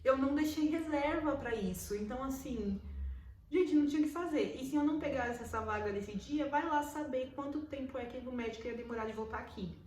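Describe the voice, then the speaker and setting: A woman's voice: sits high, fairly quick, a little mellow, slight background noise. A young Brazilian woman with a Brazilian Portuguese accent, telling a personal story to camera in a casual, emotional way and repeating words for emphasis. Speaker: vlogger. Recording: roomy echo, mic at a distance.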